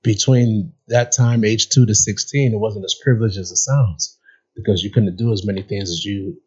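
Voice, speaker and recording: Husky man telling his story earnestly. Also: on the low side, fairly even intonation, moderate pace, mellow, dull audio. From Nigeria, raised in upstate New York. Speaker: guest. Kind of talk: casual interview.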